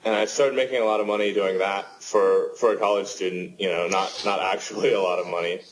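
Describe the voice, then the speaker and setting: Guest, man in his twenties, low-pitched, chatty and rambling. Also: brisk, noisy background. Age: 20s. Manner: relaxed, rambling with many fillers and restarts. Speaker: poker player guest. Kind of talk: casual interview answers.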